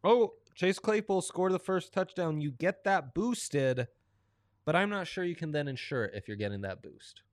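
A man's voice: on the high side, lively intonation, normal speed, no room sound, studio quality. A man co-hosting a sports betting show, chatting casually and informally.

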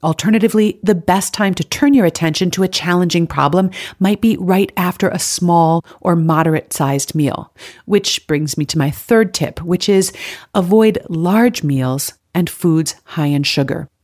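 A woman's voice: on the low side, normal speed, darkish tone. A woman hosting an advice podcast, reading scripted tips in an upbeat, tidy, organized way. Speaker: podcast host giving nutrition advice.

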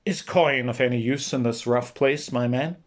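A man reading an audiobook, voicing a courteous, curious young prince in a gentle, formal manner. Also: mid-range voice, normal speed, natural voice.

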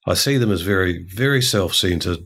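A man's voice: deep voice, expressive, fairly quick, a bit bright, breathy edge. An older man from New Zealand explaining ideas in a discursive, chatty way, full of asides. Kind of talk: casual conversation.

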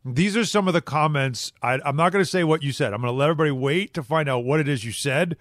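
Middle-aged male sports radio host, fifties, slightly high voice, emphatic and conversational, very dry recording. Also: fast, fairly bright tone, no room sound. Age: 50s. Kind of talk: casual sports talk chat.

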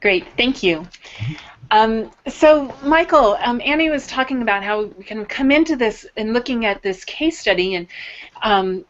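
A woman moderating a panel, upbeat and asking halting questions. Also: on the high side, expressive, highs cut off.

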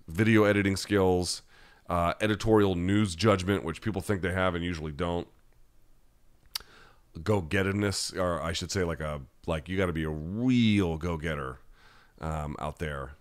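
With a smooth, low-pitched voice at normal speed, this American man hosts a live-chat podcast. He takes listener questions and responds in a blunt, opinionated, conversational manner.

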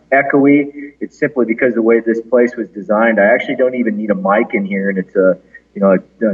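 Husky man echoing in a big hall. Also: on the low side. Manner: rambling, with many fillers and restarts. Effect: echoey big-room sound. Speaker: clinic owner and chiropractor. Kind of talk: casual remote interview chat. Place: large conference room at his clinic. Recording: distant, tinny phone-like call audio.

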